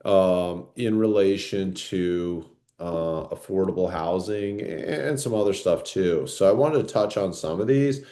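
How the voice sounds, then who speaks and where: Man, podcast co-host, casual chat, dark low voice, rambling with fillers. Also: a little slow, hardly any pauses. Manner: rambling, many fillers and tag questions.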